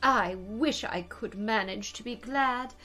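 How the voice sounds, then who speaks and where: A woman voicing a flighty, excitable, self-assured old queen in a theatrical storybook reading, with an emphatic, squeal-prone manner. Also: on the high side, slow, soft background music, voice pushed up. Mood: fussy.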